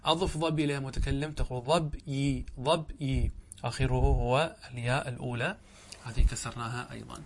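A man's voice: medium pitch, steady tone, fast, a little hiss or hum. A man giving a classroom grammar lecture, repeating examples and quizzing his students. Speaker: teacher of Arabic grammar.

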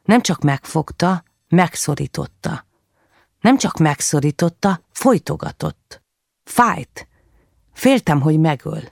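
Brief: woman narrator, audiobook reading, introspective, gravelly texture, dry booth. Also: deep voice, expressive, dry recording. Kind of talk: first-person novel reading.

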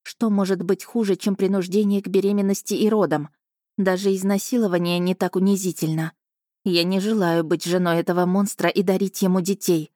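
A woman's voice: lowish voice, little pitch movement, a little fast, warm tone, no room sound, studio quality. A woman reading a first-person audiobook as narrator. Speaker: audiobook reader.

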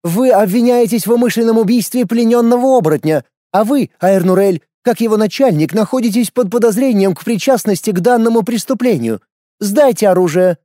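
A man's voice: high-pitched, a little fast, dark tone, dry recording, clean studio sound, voice pushed up, close to an everyday voice. A man doing an icy female elf commander. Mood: threatening.

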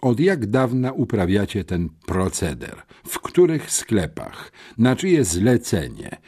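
A sneering, suspicious police officer, as a male narrator puts him on, leaning hard on the boys in an audiobook. His voice climbs and drops widely as he mutters and then presses, with a mellow, slightly husky tone. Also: on the low side, big pitch swings, slow pace, voice pushed up, heavily acted. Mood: interrogating. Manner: mocking, mutters, stern interrogator. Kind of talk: audiobook character voice.

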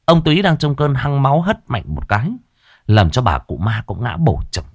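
A man narrating a dramatic village story in an expressive storytelling style. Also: medium pitch, normal speed, breathy edge, no echo, studio quality.

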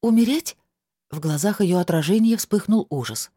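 A woman narrates a fantasy audiobook with a low, dark, mellow voice. Her delivery is steady and even, recorded dry and close with no room sound. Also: a little fast, dry recording.

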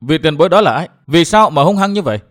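A man's voice: fairly high pitch, animated, fast talker, lightly acted. An anxious young princess from a martial-arts storybook, as a man reads her, with her voice lifted a little. She asks her questions in a worried, pressing way.

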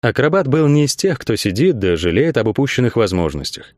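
A man reading fiction aloud as an audiobook narrator, measured storytelling. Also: medium pitch, sing-song, darkish tone, no room sound, studio quality. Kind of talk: scripted narration.

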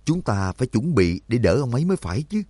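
A man's voice: medium pitch, big pitch swings, fast, dark tone, husky, dry recording, pitched above the performer's own voice. A man voicing an earnest team leader who speaks urgently in a worried tone.

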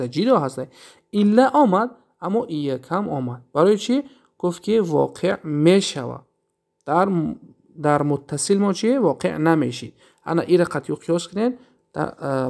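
A man's voice: a little high, gravelly, darkish tone. A man with a Tajik accent teaching an Arabic grammar lesson, explaining step by step, asking and answering his own questions, and drawing out the Arabic examples. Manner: drawn-out chanting of Arabic examples.

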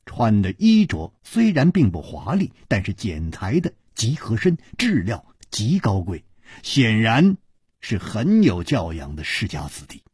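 Male broadcast storyteller, husky, lively swings in pitch, reads with drama. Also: a little slow, no echo, clean studio sound. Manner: animated, expressive delivery.

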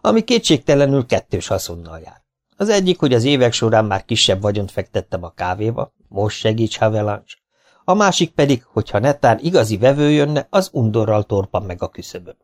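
A man's voice: on the low side, sing-song, darkish tone. A man reading a memoir aloud as an audiobook, in a dry, wry storytelling manner. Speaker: audiobook reader.

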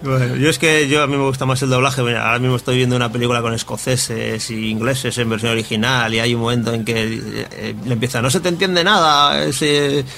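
A man hosting a film podcast, relaxed, steering the chat with trivia and anecdotes. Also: mid-range voice, quick pace, creaky, hardly any pauses.

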